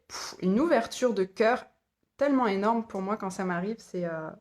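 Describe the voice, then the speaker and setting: A human design guide runs a casual live stream from her home office, speaking in a slightly mellow mid-range voice. She reads comments from viewers out loud, says them again, and laughs frequently, all picked up by a phone or laptop mic.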